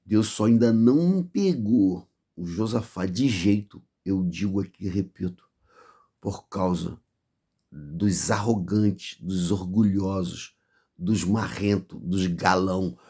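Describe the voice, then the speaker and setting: A Brazilian man preaches in a low, dark and husky voice. He speaks slowly and warns his listeners with fervour, stacking phrase on phrase. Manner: fervent, warning, piles up repeated phrases. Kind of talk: sermon.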